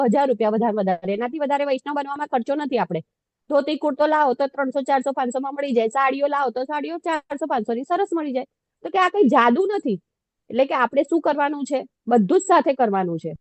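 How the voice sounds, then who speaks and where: A woman's voice: high voice, a little mellow, no echo. A woman giving a devotional scripture class in a conversational, self-deprecating way, often putting questions to her listeners.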